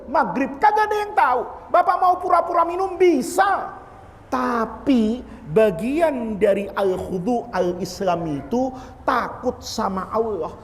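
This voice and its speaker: A man delivers a lively, joking sermon, firing questions at the congregation. His voice sits very high, and a long reverb rings around it in a large mosque hall. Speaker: preacher.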